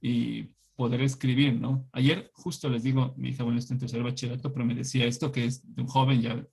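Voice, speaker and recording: Gravelly middle-aged male teacher. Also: mid-range voice, flat delivery, a little fast, a little mellow. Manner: anecdotal, chatty, asks "¿no?" often. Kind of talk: online class talk.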